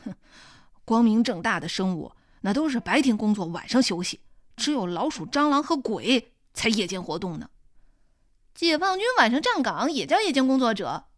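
A scornful, nagging old mother with a sarcastic bite, as a woman reader puts her on. The voice sits lower than the reader's own and swings widely in pitch. The recording is close and dry, with no room sound. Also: big pitch swings, moderate pace, no room sound. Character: sharp-tongued elderly mother, scornful and nagging. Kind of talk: audiobook character reading.

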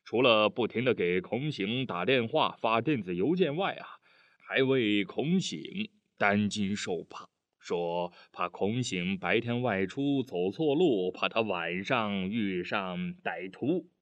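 A man's voice: on the low side, lively intonation, slow, dry recording, highs cut off. A man voicing an eager, earnest middle-aged official who keeps pressing his case in a storybook reading. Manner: earnest, pleading, talkative.

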